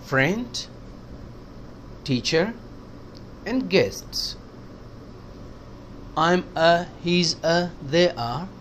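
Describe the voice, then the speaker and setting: A man teaching spoken English, explaining slowly and repeating example sentences for practice. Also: a little high, a little hiss or hum.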